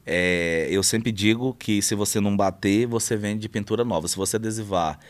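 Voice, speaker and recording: A man's voice: on the low side, moderate pace. A man who runs a car wrap shop, chatting casually in an interview and telling stories about customers. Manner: storytelling, animated when telling anecdotes.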